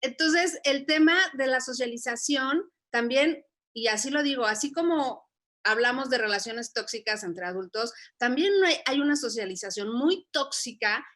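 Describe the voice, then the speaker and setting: A woman co-hosts a talk show and speaks in a somewhat high voice. She is earnest and reflective, setting out her views in a conversational tone. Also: normal speed, a bit bright. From Mexico. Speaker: co-host. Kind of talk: conversational interview.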